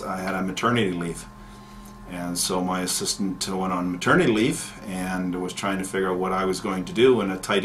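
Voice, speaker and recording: A middle-aged man, a county economic development manager answering interview questions in a measured way, with many fillers and restarts. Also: low-pitched, fairly bright tone, slight background noise.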